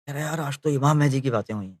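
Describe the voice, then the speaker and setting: A man retelling his memories of a spiritual leader as a spoken story, acting out the quoted conversations, often pausing on filler phrases and correcting himself. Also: medium pitch, no room sound.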